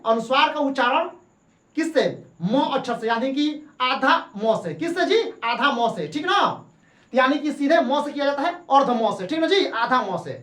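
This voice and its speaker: A woman's voice: high voice, fairly bright tone. A woman teacher gives a lesson, repeating each point and asking questions that she answers herself. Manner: repeats points and asks rhetorical questions, then answers them. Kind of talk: classroom-style lesson. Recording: echoey room.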